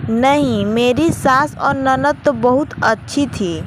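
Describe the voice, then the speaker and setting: A woman voicing a gentle, caring middle-aged mother who gives soothing advice. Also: high voice, takes it slowly. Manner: soothing, advising. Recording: noisy with traffic outside.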